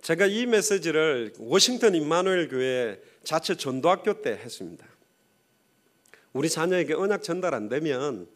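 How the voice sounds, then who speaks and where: A man pastor preaching a sermon, impassioned, retelling a story with quoted dialogue and sudden drops to a quiet voice. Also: fairly high pitch.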